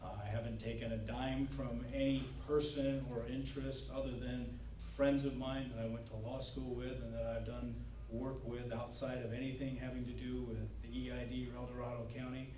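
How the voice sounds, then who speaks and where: A confident man from California closes his campaign pitch in a persuasive tone at a local forum. He is recorded from a distance in a roomy hall, with clear background noise under his voice. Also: little pitch movement, normal speed, hardly any pauses, dark tone. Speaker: candidate giving closing remarks.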